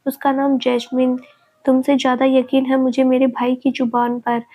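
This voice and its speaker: A woman's voice: high voice, monotone, normal speed, dark tone, low-quality recording. A woman voicing an angry young man who coldly accuses his lover, in a storybook reading. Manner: cold, accusing, cutting.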